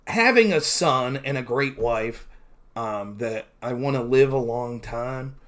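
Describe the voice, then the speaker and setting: A man's voice: medium pitch, fairly bright tone. Rambling, self-mocking man in his thirties. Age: 30s. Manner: rambling, candid, self-deprecating, with many fillers. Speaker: streamer. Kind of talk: casual solo stream chat.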